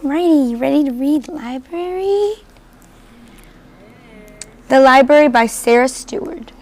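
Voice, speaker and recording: A woman's voice: sits high, expressive, unhurried, a faint crowd. A woman hosting a children's reading show, reading a rhyming picture book aloud to a kindergarten class.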